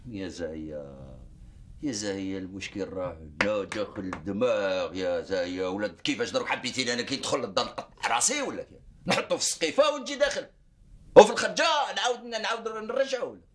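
An actor with an Algerian Arabic accent, playing a weary husband who pleads and defends himself in a TV drama. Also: male voice, on the low side, fast talker, background noise, natural voice. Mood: pleading. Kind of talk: TV drama acting.

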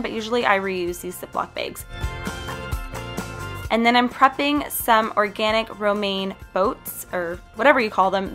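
Bright-voiced chatty young woman. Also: medium pitch. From Canada. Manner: chatty, upbeat, recommends things directly. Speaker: healthy food vlogger. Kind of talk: casual voice-over narration. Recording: faint music behind voice.

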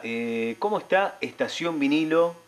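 A man's voice: fairly high pitch, animated, measured pace, loud music behind the voice. A man with a Rioplatense Spanish accent hosting a casual interview, asking questions and chiming in with agreement. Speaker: interviewer host.

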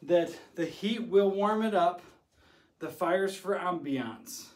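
A man's voice: high voice, slow. A man, a hiking partner, chatting casually and teasing lightly in a small motel room. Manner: easygoing, teasing, laughs. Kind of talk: casual chat behind the camera. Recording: roomy sound with faint background hiss.

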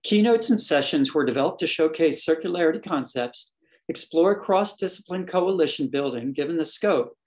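Formal older man, slightly high voice. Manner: steady, formal delivery. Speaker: society president-elect. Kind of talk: scripted announcement. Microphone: webcam framing.

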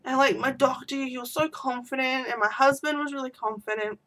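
A woman's voice: high voice, steady tone, brisk, fairly bright tone. A woman vlogger talking in an unedited personal video diary, teary with her voice breaking, rambling and apologetic.

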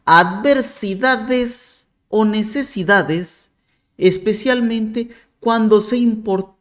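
This video commentator makes argumentative remarks to the camera at an unhurried pace, his tone sarcastic and mocking. Pushing his argument, he lets his pitch climb and drop expressively.

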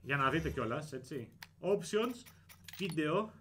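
A man hosting a let's play, giving excitable gameplay commentary full of yelling, cursing and comic threats at the enemies. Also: fairly high pitch, husky.

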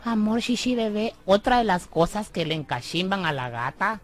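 A woman's voice: mid-range voice, very animated, normal speed. A young Salvadoran woman hosting a comic radio monologue, teasing and sassy, calling the listener amor and bebé. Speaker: radio comedy host.

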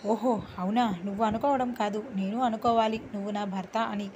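A woman's voice: medium pitch, steady tone, moderate pace, darkish tone, a little hiss or hum, natural voice. A woman voicing a bitter young bride who speaks in a cutting, contemptuous way. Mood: scornful.

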